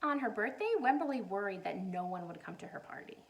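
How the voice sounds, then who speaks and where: A woman's voice: medium pitch, expressive, a little fast, vocal fry, a little hiss or hum. A woman reading a picture book aloud expressively to young children, adding simple explanations as a teacher would.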